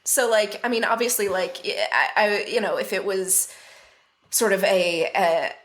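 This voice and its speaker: A woman's voice: medium pitch, a little slow, fairly bright tone. A woman co-hosting a podcast, talking in a loose, rambling way. She piles up fillers and restarts and swears casually as she thinks aloud. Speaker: podcast co-host. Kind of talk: casual chat.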